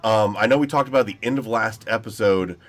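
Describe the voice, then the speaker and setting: A gaming channel host talks through his gameplay in an easygoing, rambling way, speaking fairly quickly. Being a little sick makes his very deep voice slightly nasal. Faint music plays behind him.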